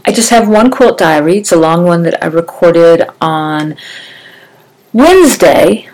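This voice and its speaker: A middle-aged woman with a slightly low voice chats casually on her solo podcast, upbeat and rambling. Her braces make her speech a little slurred and wet, and the recording quality is rough.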